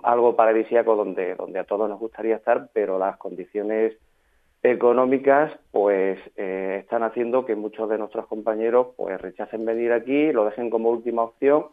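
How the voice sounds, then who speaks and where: A man's voice: on the low side, fairly even intonation, normal speed. A male association spokesman answers a radio interview by phone, hesitant and thoughtful with many fillers. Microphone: phone line. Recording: tinny phone line.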